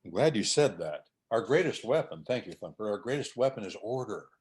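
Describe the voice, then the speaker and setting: Here the host speaks in a lowish, darkish voice, animated and brisk. He leads the conversation on faith and order, driving each point home through insistent, preacher-style repetition.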